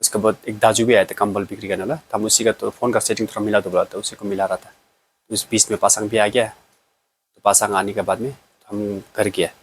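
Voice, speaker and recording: A man's voice: on the low side, flat delivery, slight background noise. Man casually telling his own story. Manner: plain, halting personal account. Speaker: vlogger.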